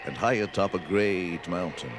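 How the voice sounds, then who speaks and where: A man's voice: low voice, moderate pace, over music, natural voice. An actor playing a bombastic announcer, a man narrating a superhero radio serial in a mock-dramatic, melodramatic way. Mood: ominous, grandiose. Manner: grandiose, melodramatic.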